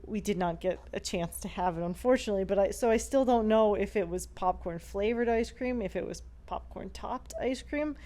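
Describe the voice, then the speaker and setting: A woman's voice: medium pitch, normal speed, hardly any pauses, mellow. A woman speaking casually as a podcast guest. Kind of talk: casual chat.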